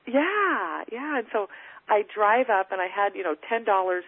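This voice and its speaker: A woman's voice: medium pitch, lively intonation, husky, dry recording. Earnest woman on a tinny phone line. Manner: earnest, halting, many restarts and fillers. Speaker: podcast guest. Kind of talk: casual storytelling.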